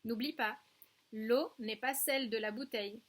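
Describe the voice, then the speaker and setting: A woman teacher giving a recorded lesson to young children, speaking slowly and clearly and addressing the child directly. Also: on the high side, steady tone. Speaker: preschool teacher.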